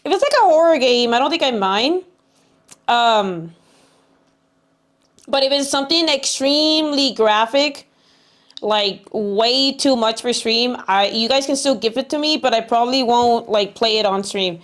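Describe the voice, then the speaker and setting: A woman's voice: a little high, measured pace. A woman livestreamer chatting casually with her viewers in a cute, bubbly anime-streamer way, often repeating herself.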